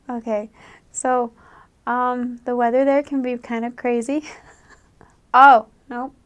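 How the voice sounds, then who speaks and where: In a slightly high, level voice at a slow pace, a young American returned missionary talks through casual advice. Her delivery is chatty, with plenty of laughter as she imitates the people she quotes.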